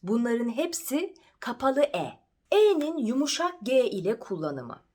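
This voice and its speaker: Middle-aged woman with teaching diction, slow careful word drills, very expressive pitch. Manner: demonstrates words slowly and carefully. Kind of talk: diction lesson.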